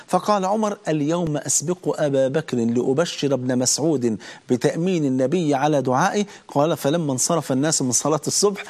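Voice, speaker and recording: A man preaching in an Egyptian Arabic accent, his voice pitched fairly high. He talks fast and with emphasis, often putting rhetorical questions to his listeners. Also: a little mellow. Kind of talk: sermon.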